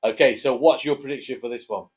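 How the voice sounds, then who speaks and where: A man's voice: mid-range voice, steady tone, quick pace. A man co-hosting a casual chat, jokey and chatty, prompting his co-host to speak. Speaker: co-host, father.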